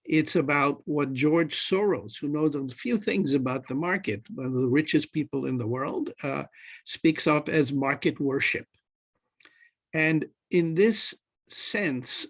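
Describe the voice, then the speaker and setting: A man from Pakistan arguing a point in an academic panel talk over a video call, measured and lecturing. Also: fairly high pitch. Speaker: panelist economist.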